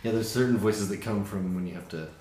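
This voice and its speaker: A man chatting as a podcast guest in a relaxed, low-key way. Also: fast talker, reverberant, crowd noise. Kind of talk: casual podcast chat.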